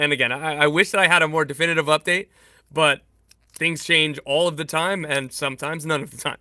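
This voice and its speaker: A man's voice: on the high side, gravelly, dry recording, studio quality. A man co-hosting a sports podcast, chatting casually and jumping between restarts and self-corrections as he shares news. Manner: animated, self-correcting, jokey. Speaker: podcast co-host and insider.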